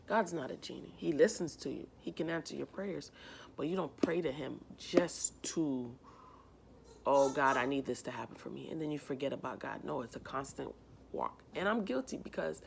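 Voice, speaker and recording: A woman's voice: low voice, creaky, darkish tone, slight background noise. A woman in her twenties sharing a heartfelt, rambling personal reflection in a vlog. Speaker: vlogger.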